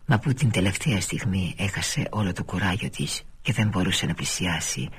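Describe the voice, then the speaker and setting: Husky low-voiced male narrator. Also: animated. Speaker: reader of a novel. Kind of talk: literary audiobook narration.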